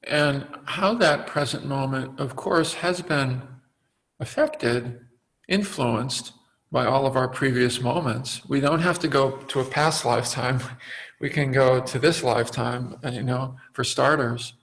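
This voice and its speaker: A man giving a dharma talk as a meditation teacher, reflective and halting, with frequent fillers and restarts. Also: medium pitch, fairly bright tone, poor audio.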